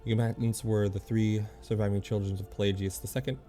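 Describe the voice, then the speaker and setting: A man streaming a game, reading its lore aloud in a halting way, often stumbling and correcting himself. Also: lowish voice, flat delivery, mellow, soft background music.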